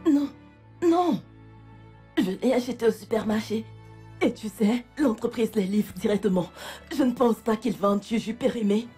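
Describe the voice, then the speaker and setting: A woman's voice: a little high, moderate pace, mellow, husky, soft background music. A woman dubbing a grieving wife in a French film dub, panicked and pleading, close to sobbing. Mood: shaken. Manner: panicked, pleading, breaking into sobs. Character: frantic grieving wealthy wife.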